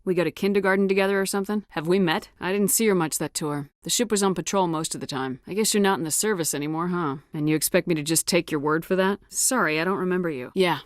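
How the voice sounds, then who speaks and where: Woman acting as low-voiced Commander Shepard, blunt military officer. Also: fast, few pauses, no echo, studio quality, natural voice. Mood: guarded, casual. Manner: clipped, authoritative delivery. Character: female military commander, adult, firm, blunt, no-nonsense. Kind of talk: video game dialogue acting.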